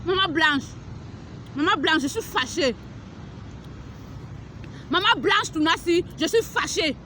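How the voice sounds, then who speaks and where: Very high-voiced, fervent preaching woman. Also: expressive, slow, pushed and bright, slight background noise. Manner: fervent and scolding, repeating phrases and firing rhetorical questions. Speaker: preacher delivering a prophetic message. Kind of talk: impassioned outdoor preaching to camera. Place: outdoors at a beach.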